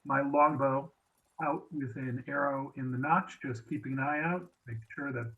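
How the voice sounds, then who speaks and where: A man's voice: medium pitch, fairly even intonation, moderate pace, narrow, tinny audio. A man playing in a tabletop game, talking casually with wry asides. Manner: wry, self-aware asides. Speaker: player.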